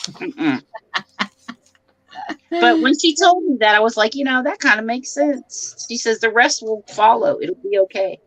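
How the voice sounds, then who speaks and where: A woman's voice: on the high side, lively intonation, unhurried, a bit bright, dry recording, rough recording. A middle-aged woman chatting casually and telling down-to-earth family stories. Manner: storytelling, down-to-earth. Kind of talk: casual chat.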